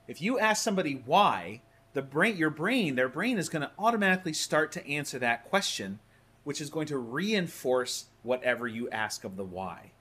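A man's voice: a little high, very animated, normal speed, bright, forceful tone, breathy edge. A man teaching a hypnosis course in a conversational, emphatic way, sometimes repeating words as he explains. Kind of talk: course lecture.

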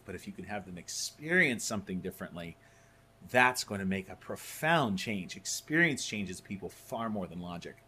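A man's voice: mid-range voice, a bit bright. A man teaching a hypnosis course in a conversational, emphatic way, sometimes repeating words as he explains. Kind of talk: course lecture.

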